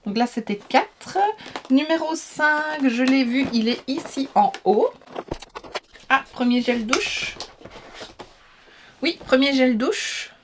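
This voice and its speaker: A woman's voice: sits high, expressive, slow pace, long pauses, slight background noise. A young woman, chatting casually and enthusiastically as she unboxes beauty products, with many fillers. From Belgium. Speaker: beauty vlogger.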